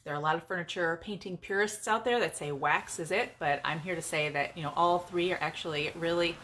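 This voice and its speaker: A woman's voice: lowish voice, a little fast, a bit bright, slight background noise. Chatty upbeat woman in her garage. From California. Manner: chatty and upbeat, talking to viewers. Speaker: furniture painter and paint business owner. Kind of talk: casual live-stream demonstration. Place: home garage.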